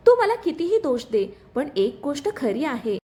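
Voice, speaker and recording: A woman's voice: high-pitched, big pitch swings, normal speed, mellow. A woman voicing a remorseful young husband who speaks in an earnest, pleading way.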